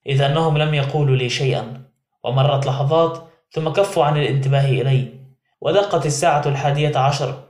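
A man's voice: on the high side, darkish tone. A man narrating a novel in the first person as an audiobook, in a dramatic reading style. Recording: roomy echo.

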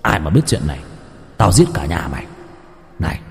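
A man playing a coarse, menacing middle-aged village bully in a spoken ghost story, hissing threats in a dark, mellow tone with lively swings of pitch. Faint music plays underneath. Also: a little fast, creaky, slightly rough, big-room sound, exaggerated voice. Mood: threatening.

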